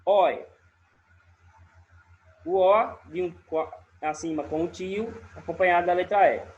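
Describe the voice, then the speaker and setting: The recording is muffled, and the man's voice sits high. Speaking with a Sergipe Brazilian accent, he leads a recorded remote lesson step by step, regularly checking in with a brief question.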